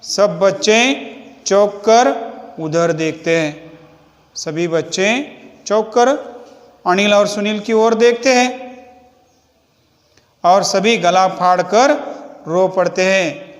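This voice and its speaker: A male teacher reading a story aloud to a class, explaining it as he goes and acting out the characters' lines. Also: in a large hall. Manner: slow, acts out the characters' lines with shifts in pitch.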